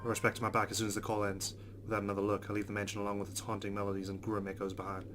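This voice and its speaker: Racing along in a lowish, monotone voice, a man reads a visual novel aloud for a let's play and adds offhand remarks. Plucked-guitar game music runs underneath.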